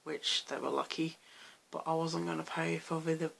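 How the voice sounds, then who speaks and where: A young Australian man with a hoarse, croaky voice, chatting loosely in a late-night vlog and rambling through restarts. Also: fairly high pitch, level tone, moderate pace, fairly bright tone, a little hiss or hum. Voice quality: gravelly fry. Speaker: vlogger.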